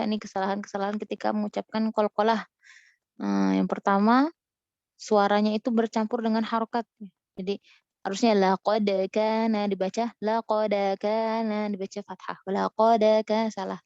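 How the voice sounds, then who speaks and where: A young woman gives a relaxed recitation lesson, stopping often to sound out examples slowly and carefully. Her voice sits in a middle pitch. The recording is dry and a little dull, like a simple home setup. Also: no room sound. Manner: explains patiently, slowly models recitation examples. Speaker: Quran recitation teacher. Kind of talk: casual online tajwid lesson.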